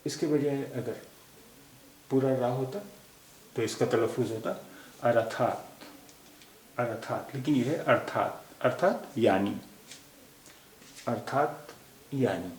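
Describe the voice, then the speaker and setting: Slow, patient male language teacher. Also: medium pitch. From India. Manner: repeats each word slowly for pronunciation. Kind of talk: slow explanatory lesson. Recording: echoey room with faint hiss.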